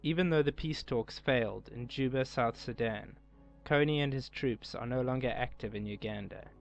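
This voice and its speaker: A man calmly narrating a documentary voice-over. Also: medium pitch, normal speed, vocal fry. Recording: dull lo-fi voice-over with faint music.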